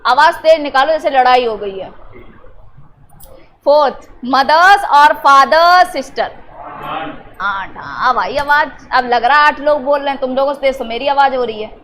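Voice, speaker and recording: A woman teacher drilling a class on family words, teasing and prodding students to answer loudly. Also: sits high, brisk, a little hiss or hum. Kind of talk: classroom lesson.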